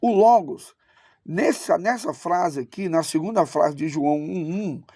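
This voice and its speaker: A man's voice: fairly high pitch, measured pace, a little mellow, no echo. A man giving a Biblical Greek lesson, opinionated and sarcastic, repeating words for emphasis. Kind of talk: recorded online lesson.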